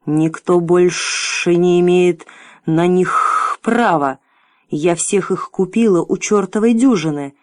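A woman's voice: on the low side, dry recording, studio quality. A woman voicing a sly hissing dragoness. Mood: menacing. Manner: hissing, sneering, slow and drawn out. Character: scheming, mock-sweet, cruel female dragon. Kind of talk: audiobook character voice.

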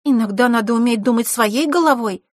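A woman's voice: a little high, moderate pace, darkish tone, slightly rough, dry recording, studio quality, pitched above the performer's own voice. A woman voicing a principled, stubborn young girl who earnestly objects.

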